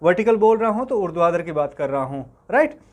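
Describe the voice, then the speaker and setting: A man's voice: high-pitched, very animated, fast talker. A man teaching physics in Hindi to exam students, friendly and reassuring, often checking that they follow along. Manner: friendly, addresses students as beta, asks for confirmation often.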